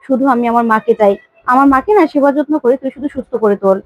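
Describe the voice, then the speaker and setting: A woman's voice: fairly high pitch, very fast, no room sound, natural voice. A woman voicing an emphatic young woman who coaxes and repeats herself. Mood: urgent. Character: pleading, commanding young woman Durga.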